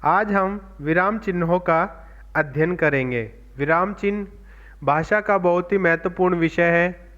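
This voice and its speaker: A man teaching a classroom grammar lesson, explaining slowly and repeating his examples. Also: sits high, fairly bright tone. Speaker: assistant professor and teacher. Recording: dull lo-fi recording.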